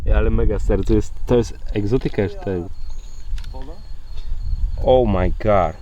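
A young man from Poland with a Polish accent, vlogging casually and excitedly outdoors at night in a marsh. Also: lowish voice, normal speed. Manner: excited, slangy, laughing. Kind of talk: casual vlog narration.

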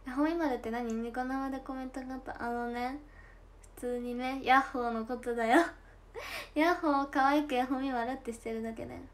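Giggly high-voiced young woman streaming. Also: steady tone. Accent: Tosa dialect. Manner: chatty and giggly, drawn-out soft endings. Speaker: idol livestream host. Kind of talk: casual livestream chat reading comments.

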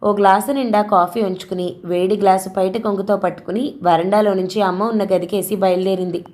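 A woman reads a story aloud with a steady, expressive delivery. Her voice sits at an ordinary middle pitch for a woman. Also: brisk. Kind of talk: scripted audio story narration.

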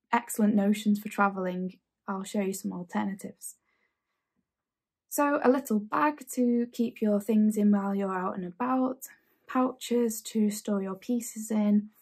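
A woman's voice: mid-range voice, warm tone, slightly rough. A woman in her thirties hosting a casual sewing tutorial from her home sewing room, chatty and enthusiastic. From England. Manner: chatty, enthusiastic, repeats phrases. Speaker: sewing channel host.

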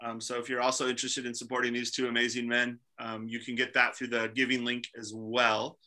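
Man, 30s, host on a video call; very bright tone, lots of ums. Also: medium pitch, monotone, rough recording. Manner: halting, many fillers. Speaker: ministry staff host. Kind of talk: casual video call talk. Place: small room indoors.

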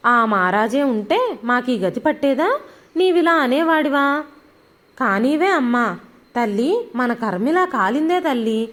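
A shrill old mother-in-law, played by a woman reading the story lashes out in a high, scolding voice. Her pitch leaps high and the delivery is loud and biting. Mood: bitter. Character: scolding older mother-in-law, sharp-tongued and bitter.

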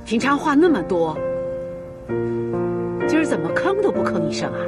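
A woman's voice: on the high side, big pitch swings, normal speed. An actress playing a doting, stubborn elderly grandmother in a TV drama, coaxing and sighing as she talks. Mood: doting, soothing. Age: older. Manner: coaxing, full of sighs and fillers. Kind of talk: TV drama acting. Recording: TV drama with loud background music.

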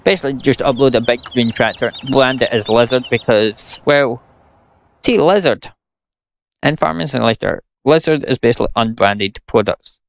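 In a clip with no echo, a gaming YouTuber from Scotland delivers sarcastic, no-nonsense commentary, griping about a farming game. He's a young man whose first language is English, speaking at a moderate pace in a creaky, mid-range voice.

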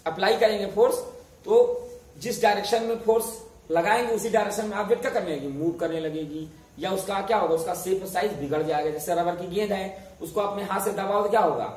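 Echoey classroom teacher drilling questions. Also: male voice, high voice, a little fast, darkish tone. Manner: drills points by asking questions and answering them himself, repeating key terms. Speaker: science teacher. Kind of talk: classroom lesson. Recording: very echoey room, voice far off, faint hiss.

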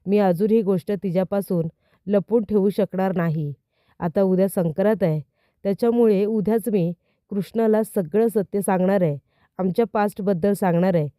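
A woman's voice: medium pitch, normal speed, dark tone, dry recording, studio quality, close to an everyday voice. A woman voicing a stern, exasperated young husband who scolds firmly, reading his lines in a recap. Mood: resolute.

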